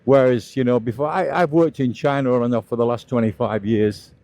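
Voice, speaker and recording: British man, middle-aged, mellow relaxed tone, dry close sound, casual matter-of-fact motovlog narration. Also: mid-range voice, brisk, no room sound. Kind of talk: casual running commentary while riding. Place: outdoors, riding a scooter on roads.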